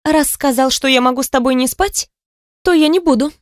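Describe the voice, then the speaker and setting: Woman reading sarcastic, hurt young heroine, high and biting, dry recording. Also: fairly quick, no room sound, lightly acted. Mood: defiant. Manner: bitter, sarcastic.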